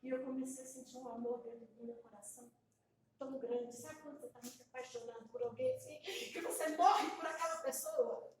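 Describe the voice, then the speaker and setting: Speaking a little fast in a fairly high, steady voice, a middle-aged preacher from Brazil offers her congregation a heartfelt, intimate testimony. The church hall setting sounds echoey, picked up by a distant microphone.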